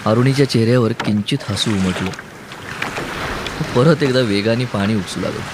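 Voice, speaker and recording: A man's voice: lowish voice, noisy background. Man narrating a story over waves. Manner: measured, expressive reading. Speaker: audiobook narrator. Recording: sea waves behind voice. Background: ocean waves sound effects.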